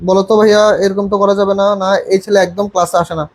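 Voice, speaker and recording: A young man tutoring English for admission tests in an online class, coaxing students to answer and reading example sentences slowly and deliberately. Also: high-pitched, flat delivery, a little mellow, low-quality recording. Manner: reads English sentences slowly and deliberately between quick explanations; coaxing, calls students "ভাইয়া" and prompts them to answer.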